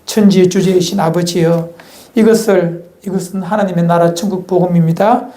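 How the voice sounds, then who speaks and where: In an echoey church sanctuary, a male pastor with a Gyeongsang Korean accent preaches a folksy sermon, asking the congregation questions. His voice is high with a dark tone, steady, and moderately paced.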